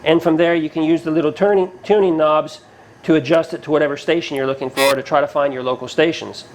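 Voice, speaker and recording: Inside a cinder-block garage, a channel host gives a casual, plainspoken product review to camera, explaining features as he goes. His slightly high voice has fairly even intonation and a quick pace, and the recording is rough.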